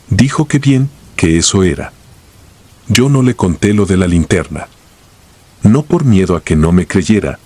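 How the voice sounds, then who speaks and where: A man with a deep, low voice tells a scripted horror tale in the first person. His tone has a husky, slightly breathy grain. He keeps the delivery somber and grave throughout. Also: a little mellow. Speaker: horror story narrator.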